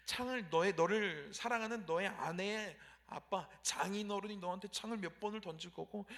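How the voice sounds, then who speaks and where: High-pitched, gravelly young preacher. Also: male voice, fairly bright tone. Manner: preaching with frequent direct address to the congregation; acts out pleading prayers in a raised voice. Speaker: pastor. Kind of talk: sermon.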